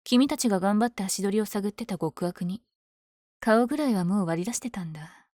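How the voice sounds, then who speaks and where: A woman playing a powerful, flirtatious villain lady smitten with her hero rival, in an ASMR audio drama with teasing, breathy asides. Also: mid-range voice, fairly quick, darkish tone, no echo, clean studio sound, natural voice. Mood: breezy, taunting.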